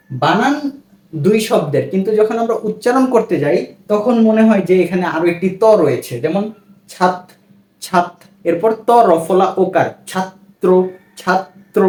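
A man with a high voice leads a classroom-style lesson, spelling words letter by letter and repeating them in a patient drill. He keeps asking rhetorical questions, and the room gives his voice a roomy echo. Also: a little mellow. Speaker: Bengali language teacher.

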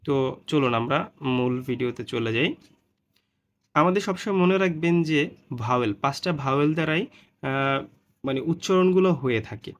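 A man teaching English reading, patiently spelling out letter pairs and their sounds one by one, often checking in with the listener. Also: fairly high pitch. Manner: frequent "ঠিক আছে" check-ins. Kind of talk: spoken phonics lesson.

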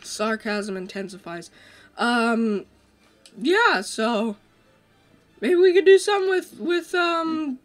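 A man's voice: extremely high pitch, slow pace, pauses often, soft background music. A young man hosting a co-op game session from his desk mic, joking and trailing off with fillers as he plays. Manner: excitable, jokey, trails off with fillers. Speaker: host. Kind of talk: casual gameplay chat.

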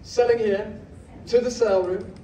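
Calling bids steadily and rhythmically, this auctioneer's voice sits high as he works a podium mic in a big, packed hall. An audience member's phone records from afar, picking up echo, room ambience and slight background noise.

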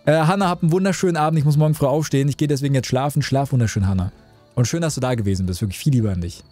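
Chatty male streamer, mellow tone. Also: mid-range voice, rapid-fire, soft background music. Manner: chatty, joking, reads out chat messages. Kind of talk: casual live-stream gameplay chat.

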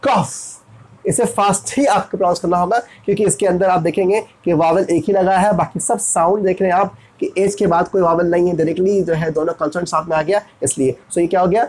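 A man's voice: high-pitched, fairly even intonation, brisk, a little mellow, rough recording. A man with an Indian accent teaching English pronunciation in Hindi, asking and answering his own questions as he spells words out letter by letter. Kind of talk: explaining lesson.

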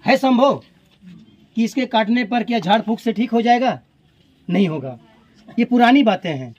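A very high, animated male voice with a breathy edge narrates at a moderate pace as a man from India rescues snakes outside in a village. He calls his viewers "friends" over and over and begs urgently when the gathered crowd threatens the snake. The recording is muffled and noisy, full of villagers' talk.

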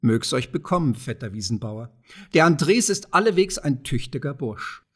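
A man's voice: mid-range voice, very animated, moderate pace, husky. A man voicing a sly, wry elderly village mayor.

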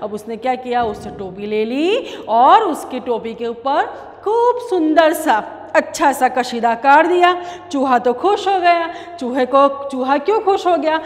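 A woman's voice: high-pitched, lively intonation, a little slow, big-room sound. A woman teacher, animatedly telling a story and explaining words to children.

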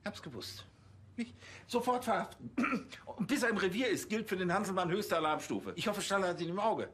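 An actor playing a gruff, blunt police detective. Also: male voice, high voice, animated, brisk, fairly bright tone. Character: gruff Bavarian police detective, middle-aged man. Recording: film soundtrack with music.

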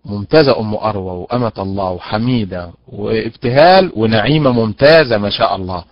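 A man teaching Quran recitation online, slowly drawing out recited examples between quick explanations. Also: on the low side, no echo. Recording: dull lo-fi dry online audio.

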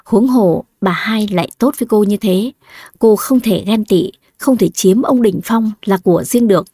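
A woman narrating a folk horror story in a steady, measured storytelling voice, recorded on a close studio mic. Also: mid-range voice, slightly rough, no echo. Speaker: audiobook narrator.

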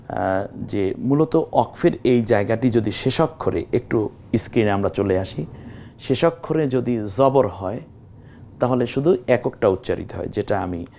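Slow, lively-voiced Quran teacher, a man. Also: lowish voice, slight background noise. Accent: Bangladeshi Bengali. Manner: slow, patient explaining with drawn-out recited examples. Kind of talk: televised Quran recitation lesson.

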